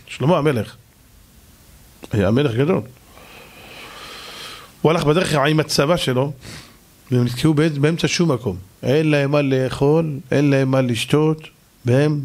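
A man, a rabbi, giving a sermon with animated storytelling and speaking directly to his listeners. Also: mid-range voice.

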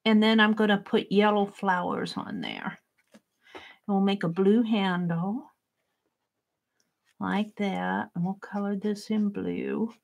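At her craft table at home, a woman works in an art journal and talks casually to herself about what to draw. Her loud, mid-range voice is animated but slow, with vocal fry and frequent pauses.

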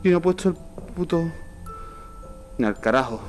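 A man's voice: on the high side, expressive, normal speed, soft background music. Jumpy Castilian Spanish man streaming horror games. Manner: jumpy, sweary, blunt colloquial reactions. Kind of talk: live VR horror game commentary.

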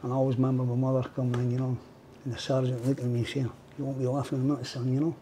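A man's voice: mid-range voice, completely flat delivery, rapid-fire, mellow, a little hiss or hum. A Scottish man in his fifties, a guest in a casual studio interview, talking bluntly and calling the host "mate" a lot. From Scotland. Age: 50s. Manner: blunt, plain-spoken, says "mate" often. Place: indoor studio with mural wall. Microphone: lapel.

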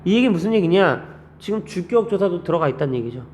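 A man lectures a class on Korean grammar in a fairly high, quick voice, firing rhetorical questions at students and leaping up in pitch to stress key points. His delivery is lively, animated and conversational, with faint background noise under the recording.

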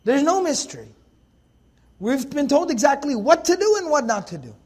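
Man, very high pitch, Quran commentary lecture, emphatic, rhetorical questions, conversational. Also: very animated, normal speed, darkish tone. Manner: conversational, addresses listeners as folks. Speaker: Islamic scholar teaching Quran commentary.

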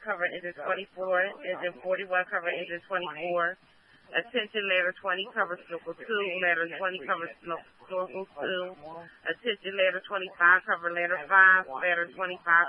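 High-pitched male fire dispatcher over radio. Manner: procedural, repeats each call. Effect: two-way radio. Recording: dull lo-fi fire radio audio.

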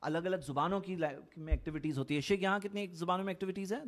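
Over a noisy background, this Indian man races through a religious talk in Saudi Arabia, his high voice keeping a fairly even intonation. As an Islamic speaker, he stays earnest and explanatory, conversational in manner, and often restates key points.

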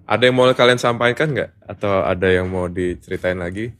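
A man's voice: low voice, fairly quick, fairly bright tone. A man with a Jakarta accent hosting a casual interview and asking questions. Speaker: host, interviewer.

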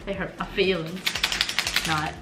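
A woman's voice: fairly low pitch, steady tone, unhurried. A young woman co-hosting a kitchen vlog with her sister, teasing, playful and given to mumbled asides. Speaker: host's sister, co-host. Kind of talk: casual kitchen vlog banter. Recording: echoey room with loud music.

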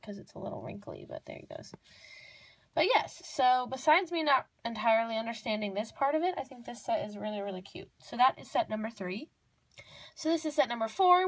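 A woman's voice: medium pitch, no echo. A young woman narrating a casual show-and-tell of miniature toys off camera, gushing and repeating words for emphasis. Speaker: toy unboxing vlogger. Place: indoors at a table. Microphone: off-camera voice over hands-on tabletop close-up.

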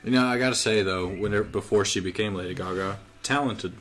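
A man's voice: lowish voice, a little fast, fairly bright tone, soft background music. A man co-hosting a casual let's play, swearing a lot and making sarcastic crude jokes. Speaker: co-host. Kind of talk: casual gameplay commentary.

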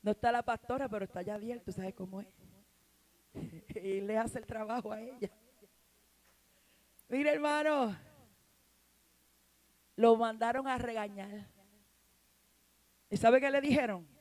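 A woman's voice: fairly high pitch, unhurried, long pauses. Fervent Puerto Rican woman preaching. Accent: Puerto Rican Spanish. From Puerto Rico. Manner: fervent, builds to shouted exclamations of praise. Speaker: evangelist preacher. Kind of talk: sermon.

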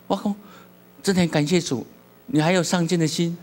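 A middle-aged pastor from Taiwan with a Taiwanese accent, preaching a sermon with humorous stories and questions to the congregation. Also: male voice, a little high, fairly even intonation, a little fast, a little mellow.

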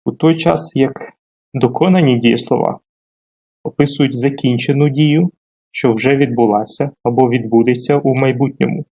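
A man, a language teacher, giving a formal, measured video lesson, reading out word pairs one by one. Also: mid-range voice, fairly even intonation, dark tone, slightly rough. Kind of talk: video lesson on grammar terms.

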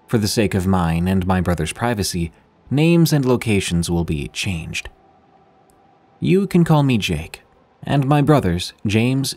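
A man's voice: low voice, a little mellow. A man hosting and narrating scripted horror stories with a dramatic storyteller's delivery. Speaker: horror podcast host and narrator.

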